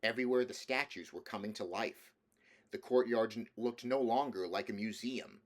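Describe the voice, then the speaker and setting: A man with a fairly low voice reads a storybook aloud at normal speed. He delivers the scripted narration like an audiobook reader.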